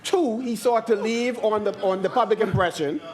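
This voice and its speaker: High-voiced Bahamian man debating in parliament. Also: darkish tone. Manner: persistent, halting delivery. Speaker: member of parliament. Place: parliament chamber.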